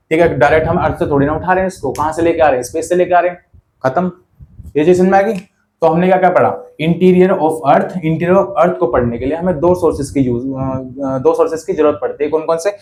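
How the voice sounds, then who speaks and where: A young man teaches a lesson at a whiteboard in a slightly high voice. He keeps asking his students questions and has them repeat the key terms back to him. A faint hiss sits under the recording. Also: darkish tone. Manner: quizzes students with constant rhetorical questions.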